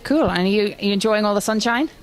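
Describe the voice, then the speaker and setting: A woman interviewing people at an event, asking cheerful, brisk questions. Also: mid-range voice.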